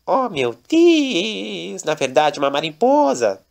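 A fussy woman squealing in falsetto, as a man puts her on, slow and loud. Each line is stretched into a high, exaggerated whine. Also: big pitch swings, vocal fry, heavily acted. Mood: scolding. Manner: drawn-out, falsetto.

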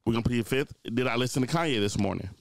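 A man's voice: mid-range voice, racing, gravelly, no room sound. A man hosting a casual podcast, joking and ranting with animation. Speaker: podcast host.

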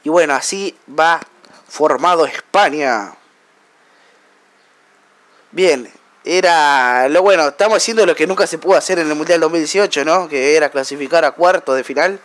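A young Argentine man commentating his own football video game match like a fan, cheering and shouting at big plays. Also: fairly high pitch, normal speed. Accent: Argentine Spanish. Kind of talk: excited play-by-play game commentary.

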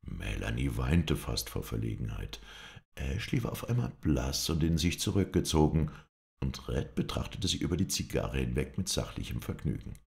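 A man narrating an audiobook in an expressive, measured storytelling manner. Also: rumbling low, gravelly. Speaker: audiobook reader. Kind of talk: scripted narration.

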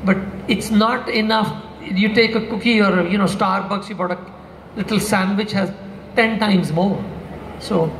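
On a large convention hall stage, an older man talks casually about supplement formulas into a handheld mic, rambling with many restarts and asides. His high voice is steady, fairly bright, and measured, with echo from the hall and a little hiss or hum.

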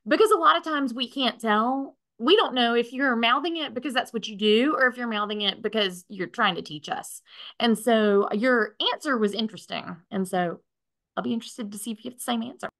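A woman's voice: a little high, a little fast, a bit bright. A woman in her thirties chatting casually on a video call as a class participant asking questions. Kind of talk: casual chat. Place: room at home, video call. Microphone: computer video-call mic.

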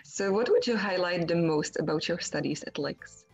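A woman's voice: lowish voice, moderate pace, soft background music, low-quality recording. A woman hosting an interview over a video call, asking brief friendly questions. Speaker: interview host. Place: indoor room. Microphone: video call webcam.

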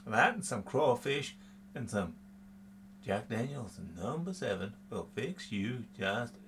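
A man in his sixties playfully presenting to camera in a deliberately exaggerated, fake Southern US accent. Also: mid-range voice, expressive, fairly bright tone, a little hiss or hum. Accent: fake, exaggerated Southern US, put on. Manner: hammy fake Southern drawl. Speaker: vlog host, drinks reviewer. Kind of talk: playful to-camera bourbon tasting in a put-on accent. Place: small room with bottle shelves, indoors.

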